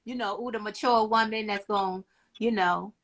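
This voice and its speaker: A woman in her fifties hosting a casual panel chat, talking haltingly with many fillers and restarts. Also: mid-range voice, steady tone, fairly bright tone. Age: 50s.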